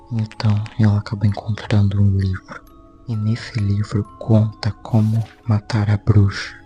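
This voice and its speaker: A YouTube host with a Brazilian accent recaps a story informally, speaking in a fairly low, dark-toned voice. His delivery is conversational, and he repeats phrases a lot.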